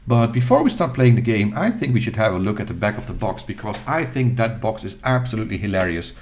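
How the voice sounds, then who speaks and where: A middle-aged man with a fairly low voice talks over his gameplay in a casual, unhurried voice-over. He is self-deprecating and halting, with plenty of fillers and restarts as he thinks aloud. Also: sing-song, darkish tone, a little hiss or hum. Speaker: retro gaming channel host.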